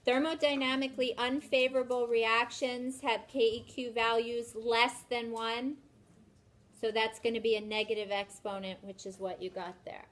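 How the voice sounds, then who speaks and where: A woman's voice: fairly high pitch, little pitch movement, moderate pace, a bit bright. A woman with a New York accent teaching chemistry in a classroom, working problems step by step and urging her students to try them.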